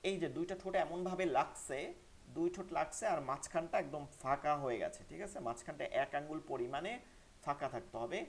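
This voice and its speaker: A man teaching an online Quran pronunciation class, explaining sounds and repeating them slowly for learners to copy. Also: a little high.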